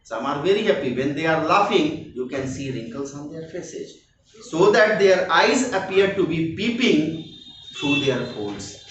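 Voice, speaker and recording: Slow, echoey male teacher explaining a play. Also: on the high side, sing-song, lo-fi sound. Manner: slow, repetitive paraphrasing, frequent "okay" checks. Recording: very echoey room, voice far from mic, faint noise.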